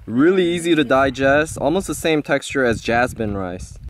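A man's voice: medium pitch, animated, moderate pace, slight background noise. A man in his thirties narrating a casual travel vlog outdoors, upbeat and chatty, often laughing. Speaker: travel vlogger. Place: outdoors at a lakeside campsite and roadside.

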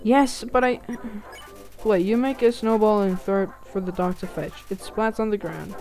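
A woman hosting a casual let's-play, reading the game's text aloud between quick reactions. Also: mid-range voice, fairly even intonation, a little mellow, soft background music. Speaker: gaming channel host.

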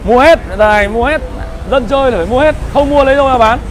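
High-voiced northern Vietnamese man hawking on the street. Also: fast talker. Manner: repetitive hawker-like patter, calling out. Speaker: used motorbike dealer, livestream host. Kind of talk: live street sales pitch with banter. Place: busy street outside a motorbike shop. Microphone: clip-on lapel mic. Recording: loud street traffic noise.

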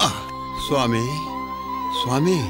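A man's voice: medium pitch, slow, over loud music, close to an everyday voice. A man voicing a kindly, fatherly figure who soothes and coaxes a frightened blind girl, in a dubbed film. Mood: coaxing. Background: loud film score.

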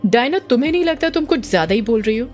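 A woman voicing a proud young woman speaking with cold, restrained anger in a spoken horror story, pitched higher. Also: lively intonation, fast, darkish tone, soft background music, lightly acted. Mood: sharp.

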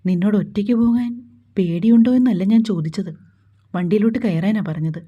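A woman's voice: medium pitch, a little fast, highs cut off, close to an everyday voice. Woman doing a curt, stern young man. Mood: gruff. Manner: curt, bossy.

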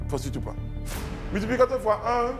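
A male TV game show host with a high, very lively voice that swings widely in pitch. He jokes around and plays with a mock German accent. Music runs clearly under him in the studio. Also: fairly quick. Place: TV studio set. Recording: music playing behind.

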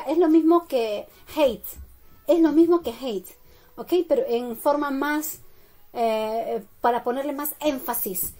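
A woman English teacher giving a slow bilingual classroom lesson, drilling each phrase and checking in with "okay?" and "right?". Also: high-pitched, mellow. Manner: slow, deliberate drilling with frequent "¿ok?" and "¿verdad?" checks.

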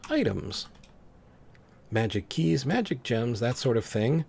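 A man's voice: mid-range voice, very animated, takes it slowly, creaky, darkish tone, breathy edge, heavily acted. A man reading out the lines of an ugly orc smuggler from an old computer game, close to his own voice. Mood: sly.

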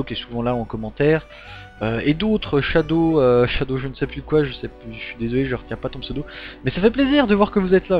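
A man giving a casual update to his gaming channel's subscribers, rambling with many ums and restarts. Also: medium pitch. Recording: dull lo-fi sound with faint music.

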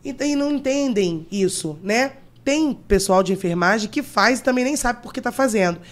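A woman's voice: a little high, animated, normal speed. A woman guest on a podcast, an embalming instructor telling work stories and explaining technical terms to listeners. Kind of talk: podcast storytelling.

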